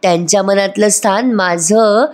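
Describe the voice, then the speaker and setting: A woman's voice: medium pitch, normal speed, darkish tone, lightly acted. A woman voicing a worried young woman from a TV serial, retelling her lines in a slightly raised, pleading voice. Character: anxious young woman, worried about family.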